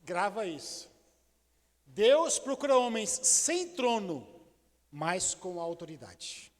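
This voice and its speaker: A man with a notably high voice preaches slowly and deliberately, pausing between phrases. He moves between ringing declarations and hushed, intimate asides, and his voice carries a long reverb through a large church room. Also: big pitch swings. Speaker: pastor. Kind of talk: sermon. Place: church sanctuary.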